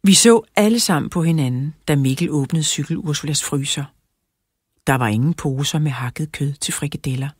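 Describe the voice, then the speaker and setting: A woman reads a children's book aloud in a steady storytelling manner. Her voice is low and husky. It is recorded close and dry, with no room sound. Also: no room sound. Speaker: audiobook narrator. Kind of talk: children's audiobook reading.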